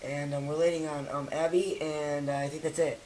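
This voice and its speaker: A teenage boy with a raspy voice, hoarse from a cold, co-hosting a live stream in casual chat and rambling with lots of fillers. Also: on the high side, level tone, fairly quick, a little mellow, a little hiss or hum, poor audio. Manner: rambling, full of fillers and restarts.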